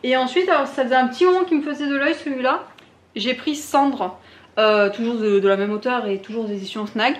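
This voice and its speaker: A woman's voice: on the high side, fairly quick. Chatty young French-speaking woman vlogging. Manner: chatty, many fillers and restarts. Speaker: booktube vlogger. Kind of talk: casual chat to camera.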